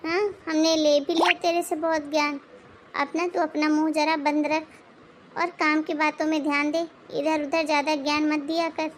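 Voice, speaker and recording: A woman's voice: sits high, level tone, normal speed, slight background noise, lightly acted. Woman voicing a taunting, bossy mother-in-law. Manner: sarcastic, taunting, scolding. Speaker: voice actor in an animated moral story.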